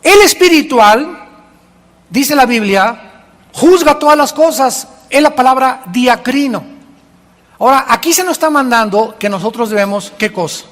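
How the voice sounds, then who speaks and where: A male pastor preaching a sermon in an animated way, acting out the church members he quotes. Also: extremely high pitch, unhurried. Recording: long hall reverb.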